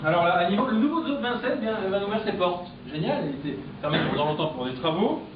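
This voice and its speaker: A fast-talking male comedian with a high voice does a stand-up press review, landing jokes in a punchy deadpan. The live-club recording is echoey, distant, dull and noisy.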